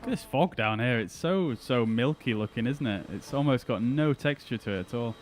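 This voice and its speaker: A man's voice: mid-range voice, animated, brisk, slight background noise. A man giving casual, explanatory running commentary as he streams a flight simulator. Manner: chatty, explanatory.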